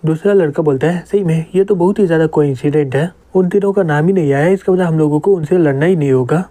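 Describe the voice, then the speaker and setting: A man tells a manga story and speaks each character's lines in his own voice. His voice sits a little high. Its tone is mellow and soft. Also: quick pace. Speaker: manga explainer narrator. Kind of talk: storytelling narration voicing all characters.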